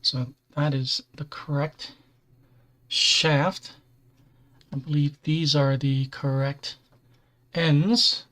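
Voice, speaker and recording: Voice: medium pitch, steady tone, drawn-out words, long pauses, fairly bright tone. A host chatting casually on a livestream while building a model kit, easygoing, with dry self-deprecating humor.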